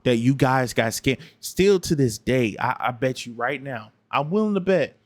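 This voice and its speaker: A man's voice: mid-range voice, animated, normal speed, no echo. A man, tired late at night, bluntly arguing and repeating himself in a casual reaction stream. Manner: repetitive, blunt, argumentative. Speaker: gaming streamer responding to another streamer.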